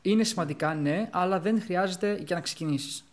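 Young male podcast co-host, slightly high voice, animated and quick. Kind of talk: casual podcast chat.

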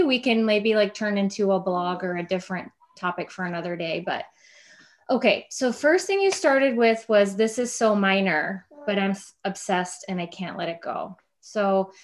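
A woman's voice: mid-range voice, normal speed. Casual: woman life coach, upbeat and encouraging, chatty. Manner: upbeat, reassuring. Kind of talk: group coaching session.

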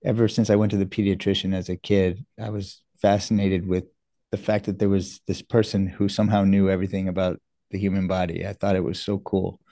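Mellow-voiced middle-aged man, earnest. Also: low-pitched, flat delivery, fairly quick, no room sound, clean studio sound. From New York, USA. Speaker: guest surgeon. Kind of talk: casual interview talk.

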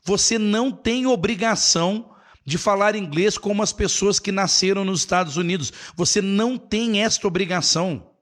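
Middle-aged Brazilian male English teacher, higher voice, emphatic and encouraging. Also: normal speed, fairly bright tone. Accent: Brazilian Portuguese. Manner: encouraging, emphatic, repeats key phrases, switches into English. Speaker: English teacher hosting a live class. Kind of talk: live online class, answering viewers.

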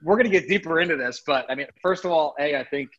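Easygoing male podcast host, husky lo-fi sound. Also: on the high side, quick pace, a bit bright. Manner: easygoing, filler-heavy questioning. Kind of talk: casual interview.

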